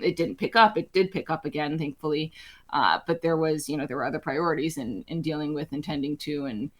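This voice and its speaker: Guesting on a casual interview, an Alaskan architect who heads her own firm talks thoughtfully, restarting often and using fillers. She laughs lightly and carries conviction in a lowered register.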